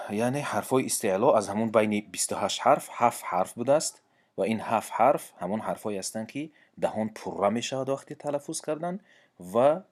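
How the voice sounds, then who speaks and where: A man with a Tajik accent teaching a Quran recitation lesson, explaining pronunciation patiently with repetitions and hesitant pauses. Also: lowish voice, darkish tone. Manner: patient, repeats points and examples, frequent hesitations.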